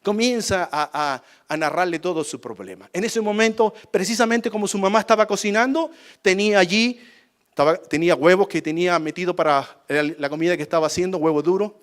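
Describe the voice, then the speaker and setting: Male pastor, sermon delivery, emphatic and repetitive, fairly high voice. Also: fairly quick. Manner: emphatic, repetitive, addresses listeners as brother.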